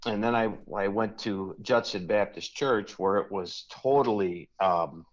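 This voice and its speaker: A man in his sixties with a Chicago accent talks in a low, unhurried voice. He reminisces reflectively about growing up. The sound is dull and lo-fi, like a remote call. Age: 60s. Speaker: former youth pastor, guest. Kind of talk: casual conversation.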